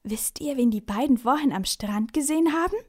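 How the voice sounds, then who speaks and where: A woman's voice: high voice, lively intonation, a little fast, husky, voice pushed up. A woman voicing a cheeky, chatty young boy in a children's story reading. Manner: chatty, teasing.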